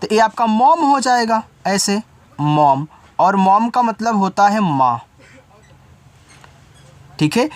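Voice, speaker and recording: A man's voice: high-pitched, dry recording. A male teacher giving a spoken lesson, explaining step by step with patient repetition and frequent check-ins. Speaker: English teacher.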